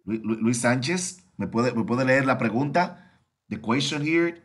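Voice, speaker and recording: Husky male teacher on a video call. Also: medium pitch, animated, measured pace, fairly bright tone, soft background music. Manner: repeats and translates each phrase. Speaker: English teacher. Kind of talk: online bilingual class.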